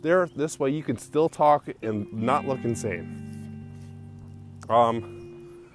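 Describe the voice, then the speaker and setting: A man's voice: medium pitch, slow pace. Rambling young man telling stories on a walk. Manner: rambling, full of "like" fillers, laughs often. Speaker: solo podcast host. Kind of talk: casual storytelling monologue. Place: outdoors, walking on a street. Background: guitar music.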